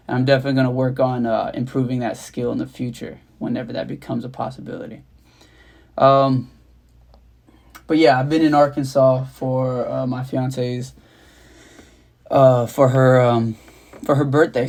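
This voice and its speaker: This young man's medium-pitched voice has a darkish tone. A rapper and beatmaker, he hosts a casual livestream from his home studio, rambling loosely, laughing at himself and swearing offhandedly.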